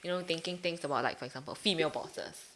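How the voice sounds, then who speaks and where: A woman's voice: low-pitched, quick pace, fairly bright tone. A young adult woman with a Singaporean accent, chatting casually on a podcast in colloquial Singlish. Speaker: podcast host. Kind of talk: casual chat.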